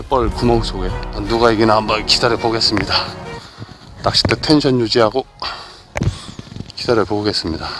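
A middle-aged man hosting a fishing channel, talking to himself with excited exclamations as he fishes outdoors at night by a muddy waterway. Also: medium pitch. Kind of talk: fishing vlog commentary.

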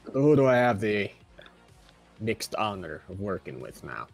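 A man voicing a stern, gruff male dwarven mining captain in a tabletop role-play. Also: lowish voice, very animated, a little slow, faint music behind, heavily acted. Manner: curt, gruff, says "aye".

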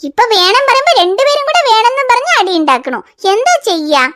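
A woman voicing a very high-pitched cartoon mom. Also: sing-song, fast, full character voice. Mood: pleading. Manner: coaxing and sing-song with the baby, sharp with the older child. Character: young mother, patient but quick to scold. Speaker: cartoon mother. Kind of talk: home-made cartoon voice acting.

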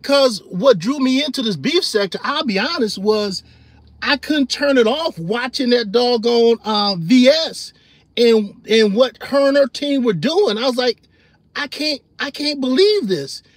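A middle-aged man chatting casually on his livestream, animated and loose, laughing often and reading chat comments aloud. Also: very high-pitched, unhurried, no room sound. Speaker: livestream host.

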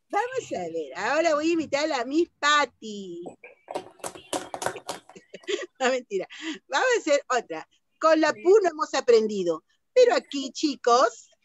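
A woman teaches young children in an online lesson, sounding out syllables slowly in a sing-song way. Her voice is a little high and comes through a computer mic on a video call, with a little hiss or hum.

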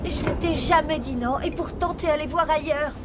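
A woman's voice: high voice, normal speed, very noisy, close to an everyday voice. An actress playing a bitter, wounded young woman in a French-dubbed TV drama, accusing and sarcastic. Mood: reproachful. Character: bitter, wounded young woman confronting her unfaithful boyfriend.

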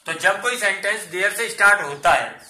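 A man with a high, very bright voice teaches a grammar lesson and walks through each step by asking and answering his own questions. The room around him is echoey. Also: expressive, fairly quick, a little hiss or hum. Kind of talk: Hindi-English classroom lesson.

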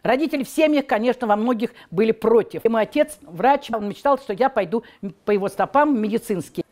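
A woman's voice: on the high side, a little fast, a little mellow. A woman in her sixties recalling her youth in an interview. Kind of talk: reminiscing in an interview. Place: indoor room.

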